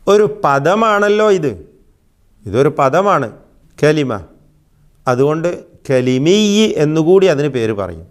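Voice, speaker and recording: A man's voice: medium pitch, clean tone. A man teaching the rules of Quran recitation in a patient, explaining lesson, stretching out sounds to demonstrate them. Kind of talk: religious lesson.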